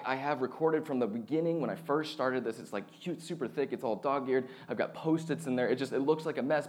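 A thirty-year-old pastor with a mid-range voice delivers a relaxed, conversational sermon. He is chatty and self-deprecating, with frequent fillers and restarts.

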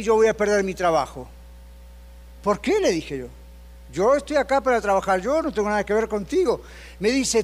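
An older male pastor preaches with a high-pitched voice. He tells a personal story with animated delivery, shifting into the voices of the people he quotes and putting questions to his listeners. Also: in a large hall. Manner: asks the congregation questions.

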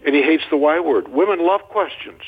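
A man's voice: fairly high pitch, brisk, husky. An older man talking as a guest on a radio interview, folksy and joking as he tells stories. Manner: folksy, joking, animated storyteller. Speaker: guest marriage counselor. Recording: tinny phone-line sound.

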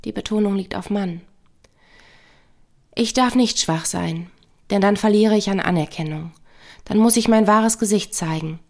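Woman counselor talking slow and thoughtful on her podcast, calm and measured. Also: medium pitch. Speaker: counselor and couple therapist. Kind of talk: reflective podcast monologue.

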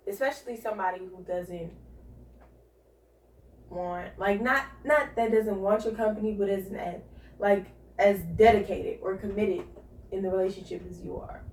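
A woman's voice: medium pitch, steady tone, normal speed, darkish tone, slight background noise. Rambling earnest woman in echoey room. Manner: earnest self-love advice, rambling with fillers. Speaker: podcast co-host. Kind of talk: casual chat. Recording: echoey room, far from mic.

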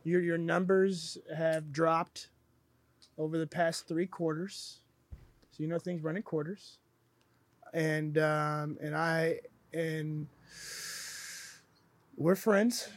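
Easygoing male actor, higher voice. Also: fairly even intonation, no room sound. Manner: easygoing, many "uh"s, spells things out slowly. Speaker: guest, actor. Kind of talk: casual chat.

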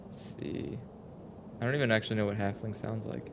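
A man's voice: fairly low pitch, fairly quick, gravelly, slight background noise. A man playing a tabletop role-playing game, thinking aloud and hesitating as he picks his moves. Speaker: player. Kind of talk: casual tabletop game play.

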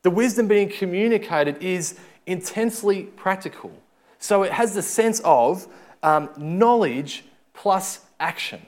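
A man with a fairly high voice and a lisp delivers an expository sermon. He moves between reading scripture and explaining it in an informal, conversational manner. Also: animated, unhurried. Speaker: preacher giving a Bible talk.

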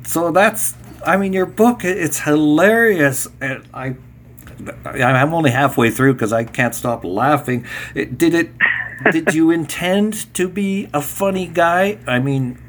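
Male radio host, casual and chatty, reads aloud in an easy, relaxed way. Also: fairly high pitch, measured pace. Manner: relaxed, chatty, laughs at his own slips. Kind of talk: interview and reading aloud.

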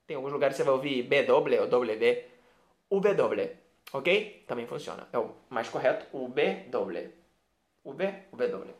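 A man with a Brazilian Portuguese accent teaching a video lesson, who patiently repeats each sound and keeps checking with the viewer. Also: a little high. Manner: often checks understanding with "ok?". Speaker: Spanish teacher.

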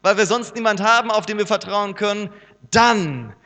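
A male pastor preaching with a high, bright and forceful voice. He talks in a lively way and now and then acts out the voices he quotes. The sound rings with long reverb in a church hall, with a mains hum underneath. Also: moderate pace. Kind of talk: sermon.

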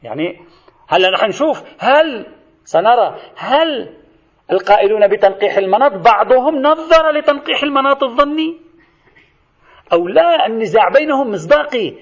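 A man delivers a seminary-style lecture in a quick, higher-pitched voice, explaining points in order and turning to his students as he goes. The recording is dull and lo-fi. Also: expressive. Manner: explanatory, addresses students directly.

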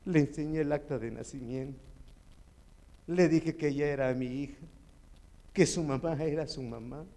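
Gravelly Mexican man giving tearful testimony. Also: a little high, moderate pace, dark tone. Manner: tearful, heartfelt storytelling. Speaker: church member giving testimony. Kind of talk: emotional personal testimony.

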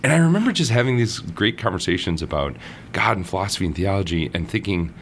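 A man's voice: low-pitched, brisk, a bit bright, a little hiss or hum. A man from Minnesota, a priest and podcast guest, telling stories casually and acting out the voices he quotes with laughs. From Minnesota, United States. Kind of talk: casual storytelling interview.

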